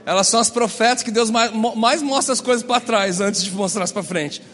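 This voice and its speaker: A Brazilian man preaching a lively, humorous sermon, acting out the voices in his stories. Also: high-pitched, fairly quick, in a large hall, faint music behind. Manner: animated, acts out quoted voices. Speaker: pastor. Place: church hall.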